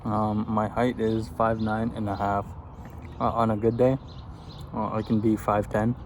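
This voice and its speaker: Speaking in a lowish, level voice, a little on the slow side, this Afghan vlogger in his twenties eats outdoors and casually fields get-to-know-me questions. His answers are easygoing and loosely rambling. The outdoor recording picks up birds and background noise.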